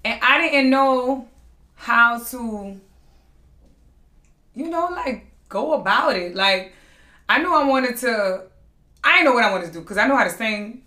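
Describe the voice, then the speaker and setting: Bright young woman. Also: on the high side, measured pace, long pauses. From New Orleans. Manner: candid, animated storytelling. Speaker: guest, aspiring singer. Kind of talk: casual interview chat. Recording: echoey room.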